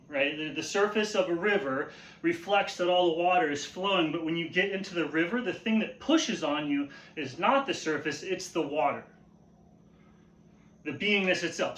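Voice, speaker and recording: Higher-pitched man teaching in an echoey space. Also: a bit bright. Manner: halting, repeats and rephrases phrases, checks with "right?". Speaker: martial arts instructor. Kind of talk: informal instructional explanation while demonstrating. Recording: roomy, echoey sound.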